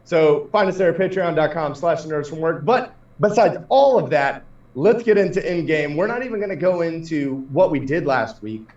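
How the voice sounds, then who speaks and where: A man hosts a relaxed podcast in a loose, joking way that sometimes turns profane. His voice is a little high and sits back from the mic. The room echoes, and the sound is dull and lo-fi. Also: moderate pace, few pauses, distant mic. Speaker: podcast host. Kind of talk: casual podcast banter.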